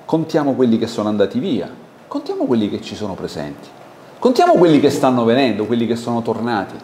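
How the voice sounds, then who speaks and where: A man with an Italian accent preaching a sermon in a lively, conversational way, asking the congregation questions. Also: medium pitch, fast. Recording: echoey church hall with faint background noise.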